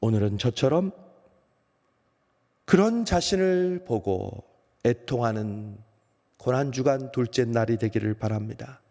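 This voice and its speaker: Pastor doing an ashamed apostle Peter confessing, lively rise and fall, big reverb of a church hall. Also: male voice. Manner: emotional, swings from loud outbursts to hushed low phrases. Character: apostle Peter, remorseful grown man, ashamed. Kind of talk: first-person dramatic monologue in a dawn service. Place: church sanctuary.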